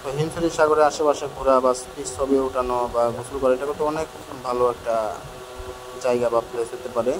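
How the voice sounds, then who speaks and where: A man's voice: mid-range voice, steady tone, fast talker. A man, a travel vlogger climbing hill stairs, talking frankly to viewers and slightly out of breath. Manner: chatty, frank and complaining, addresses viewers directly. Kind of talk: walking travel vlog commentary. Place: outdoors on hillside stairs. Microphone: handheld phone camera. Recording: phone audio with loud outdoor noise.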